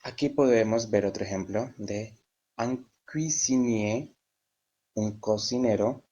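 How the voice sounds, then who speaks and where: A man teaching a French lesson, who spells word endings letter by letter and repeats each word slowly. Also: on the low side, a little mellow. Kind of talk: slow step-by-step language lesson.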